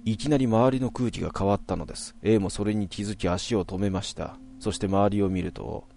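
A man narrating a horror story from his own past in a measured, suspenseful way. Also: fairly low pitch, fairly even intonation, vocal fry, dark tone, slight background noise.

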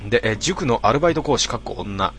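A man casually reading out listener posts and answering each one with dry, deadpan remarks. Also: mid-range voice, fast talker, faint music behind. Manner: deadpan, wry retorts between readings. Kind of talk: casual commentary reading comments.

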